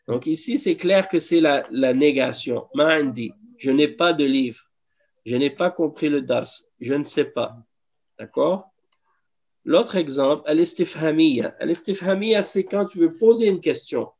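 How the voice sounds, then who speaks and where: A man's voice: on the high side, measured pace, vocal fry, a little mellow. A man teaching an Arabic class in a mosque classroom, explaining patiently and repeating each example. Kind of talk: classroom lesson.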